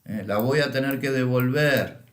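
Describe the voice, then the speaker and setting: A man's voice: mid-range voice, moderate pace, roomy sound. A middle-aged man with a Rioplatense Spanish accent, teaching an astrology course through anecdotes and often checking in with a questioning "¿m?". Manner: tags lines with questioning "¿m?" and "¿eh?". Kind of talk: lecture with anecdotes.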